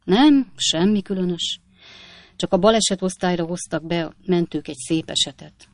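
A woman voicing a flippant young male medical student who tells gruesome stories in a breezy, animated way. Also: fairly low pitch, no echo, natural voice. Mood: breezy boastful.

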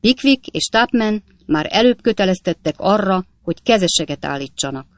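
Measured woman narrating a classic novel. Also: medium pitch, animated, dry recording, clean studio sound. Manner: measured storytelling delivery. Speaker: audiobook narrator. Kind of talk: scripted narration.

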